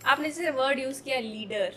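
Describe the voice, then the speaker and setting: Polite high-voiced woman host. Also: brisk, a bit bright. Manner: polite, addresses the guest as sir. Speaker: podcast host. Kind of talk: interview questions.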